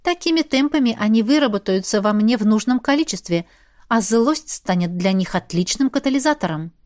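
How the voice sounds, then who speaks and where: A woman narrating a fantasy romance audiobook in first person, expressive and lively. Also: fairly high pitch, fairly quick.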